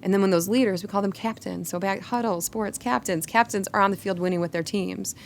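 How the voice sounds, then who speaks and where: A woman's voice: medium pitch, fairly quick, gravelly, slight background noise. A woman guest on a company podcast, talking upbeat and casual and laughing often. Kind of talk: casual interview talk.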